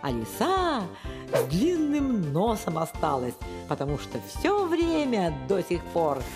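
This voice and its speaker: A woman narrating a folk tale for an animated short in a slow, expressive storytelling manner. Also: medium pitch. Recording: long reverb with soft music behind.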